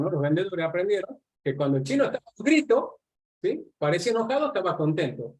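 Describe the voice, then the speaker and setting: Argentine male lecturer, slightly raised pitch, chatty and explanatory, checks in with listeners constantly. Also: darkish tone. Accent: Argentine Spanish. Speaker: lecturer on nonverbal communication. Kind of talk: live online class lecture.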